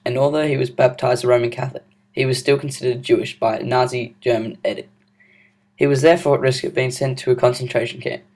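A young man narrating a school history project in an earnest, scripted reading. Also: mid-range voice. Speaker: student narrator.

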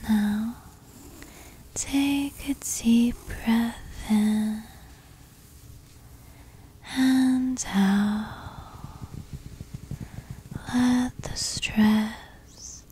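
A woman doing an ASMR role-play as a spa massage therapist, speaking in a soft, soothing, breathy soft voice with long pauses. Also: fairly high pitch, fairly even intonation, a little hiss or hum.

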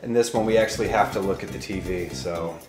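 A man's voice: low-pitched, fast talker. Nasal man joking through a party game. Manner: excitable, swears, joking banter. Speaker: gameplay video host. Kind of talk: casual chat while playing. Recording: roomy with game music behind.

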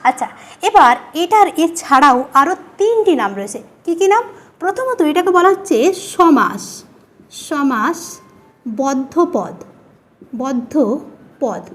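A woman with a very high, bouncing voice leads an exam-prep grammar lesson. She poses questions to her students and answers them herself, saying each key word again, slowly. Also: sing-song, a bit bright. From West Bengal. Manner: repeats key words, asks and answers her own questions. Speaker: teacher.

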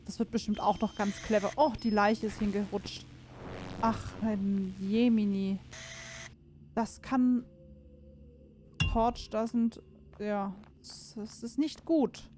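A woman's voice: mid-range voice, fairly even intonation, takes it slowly, noisy background. A woman giving casual let's-play commentary on a horror game, chatting to herself and viewers, cursing and exclaiming when something startles her. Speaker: gaming streamer.

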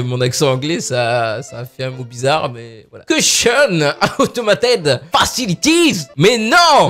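A man commentates his gameplay with a high voice that leaps up and down. He jokes around, belting out exclamations one moment and muttering the next, with faint game music underneath. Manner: animated, jokey, swings from loud exclamations to mumbled asides. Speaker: gaming YouTuber.

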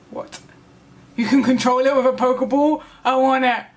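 A woman gaming vlogger reacting live to a trailer, gushing and excitable, with squeals and gasps. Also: high voice, normal speed.

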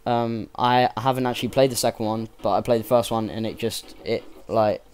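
Rambling young man with a lowish voice. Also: fairly even intonation, brisk, a little mellow, clear, resonant tone. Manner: rambling and enthusiastic, swears freely. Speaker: let's play gamer. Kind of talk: casual gameplay commentary.

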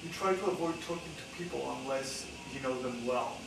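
A man reading questionnaire items aloud in a halting way, with many fillers. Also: medium pitch, creaky, distant mic. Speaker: study participant interviewer. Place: VR cave room. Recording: echoey room, heard from afar, noisy.

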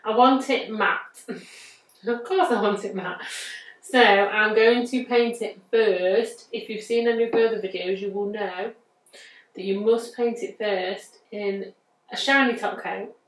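An unhurried woman from the north of England, with a mid-range voice and fairly even intonation, demonstrates a nail art design. Chatty and easygoing, she thinks aloud through a casual step-by-step tutorial in a bright indoor studio, recorded roomily on a distant mic.

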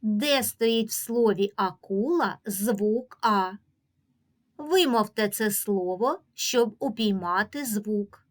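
A woman with a Ukrainian accent teaching a reading lesson to young children, drawing out each example word slowly and giving patient, clearly paced instructions. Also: medium pitch. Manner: slow, drawn-out pronunciation of example words.

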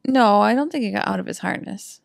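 A woman's voice: mid-range voice, brisk, vocal fry, no echo. A woman in her thirties co-hosting a podcast in casual chat, adding short remarks and dry understatement. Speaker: podcast co-host.

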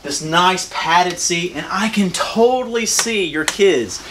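This is a man in his forties hosting a walking room-tour vlog, his voice sitting a little high. He sounds upbeat and chatty as he guides the viewer through a small ship cabin. The camera mic picks up a faint hum of room noise behind him. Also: expressive, takes it slowly. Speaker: cruise vlog host.

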